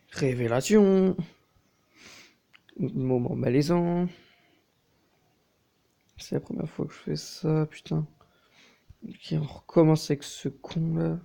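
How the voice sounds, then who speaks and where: A young man talks through a mobile game in loose, profanity-laced commentary, nervous and rushing his words. His voice sits a little high and has a gravelly, fry-heavy edge. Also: darkish tone. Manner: crude, nervous and fast-talking, swears a lot. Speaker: mobile gaming YouTuber. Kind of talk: casual gameplay commentary.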